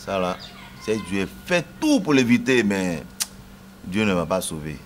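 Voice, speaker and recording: An anxious cheating husband. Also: male voice, low-pitched, sing-song, unhurried, a little hiss or hum. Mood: worried. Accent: Ivorian French. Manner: anxious, lamenting. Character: worried unfaithful husband. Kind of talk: TV drama acting.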